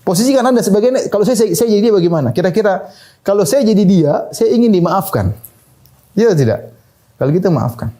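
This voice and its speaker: Male preacher, relaxed lecture tone, a touch high and warm, quick to laugh and act out quotes. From Indonesia. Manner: conversational, laughing asides, quotes people in acted voices. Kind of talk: sermon.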